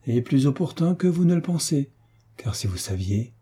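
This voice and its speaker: A man's voice: mid-range voice, moderate pace, dark tone, husky, close to an everyday voice. A man reading as a sanctimonious pious lady. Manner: unctuous, sighing. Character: sweetly scheming pious older woman.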